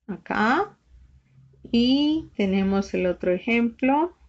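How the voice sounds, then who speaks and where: Woman, shorthand teacher, slow and patient, spells each letter out, slightly dull lo-fi sound. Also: on the high side, expressive. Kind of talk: slow step-by-step lesson.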